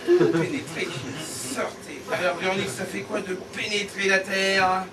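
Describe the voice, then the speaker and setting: A man playing a pompous, suggestive teleshopping pitchman in a parody infomercial, speaking in florid, mock-earnest phrases. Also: steady tone, unhurried. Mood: suggestive instructing. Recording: noisy roomy far-off recording, loud laughing crowd. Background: loud audience noise and laughter.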